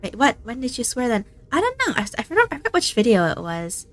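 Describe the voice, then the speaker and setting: A woman's voice: on the high side, wildly swooping pitch, fast, a bit bright, faint music behind. A woman streaming a game, chatting casually and giggling often. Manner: giggly, chatty, self-mocking.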